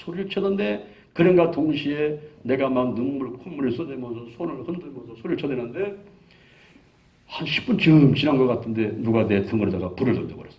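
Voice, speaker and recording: A fast-talking man in his sixties preaches a testimony, his pitch jumping lively up and down as he acts out the voices in his story. The sound is dull and lo-fi. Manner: animated storytelling, acting out quoted dialogue. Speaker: pastor. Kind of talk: sermon testimony.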